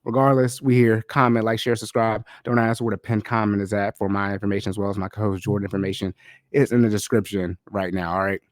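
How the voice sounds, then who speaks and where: Speaking fast with little pitch movement, a man with a fairly low voice chats through his casual solo podcast in a loose, slangy manner. His cold makes him sound slightly congested and nasal, and the podcast-mic recording is dry and studio quality.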